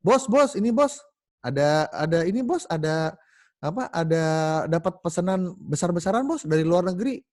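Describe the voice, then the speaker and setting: A man voicing an eager male employee who rushes to bring his boss good news, talking excitedly and repeating himself. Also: high-pitched, pitched above the performer's own voice. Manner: excited, breathless, repeats "bos".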